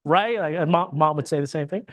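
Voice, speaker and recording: The recording is muffled, carrying a mid-range voice belonging to an American Bible class teacher. The conversational lesson features frequent tag questions to check in with the class, plus restarted sentences with repeated words.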